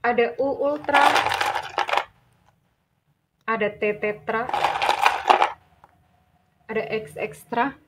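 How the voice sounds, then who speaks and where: Gentle woman reading tarot. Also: on the high side, heavy background noise. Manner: gentle, addresses listener as dear; slow, measured listing. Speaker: tarot reader.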